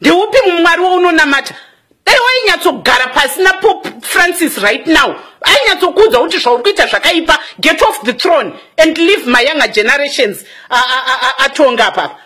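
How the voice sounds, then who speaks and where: Zimbabwean woman in her twenties, furious scolding rant, high and animated pitch. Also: brisk. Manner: fiery, scolding, switching between Shona and English. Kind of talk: angry political rant.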